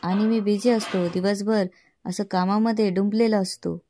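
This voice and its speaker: A woman's voice: medium pitch, fairly even intonation, moderate pace, dark tone, a little hiss or hum, natural voice. A woman voicing a cheeky, boastful middle-aged husband who talks in a teasing way.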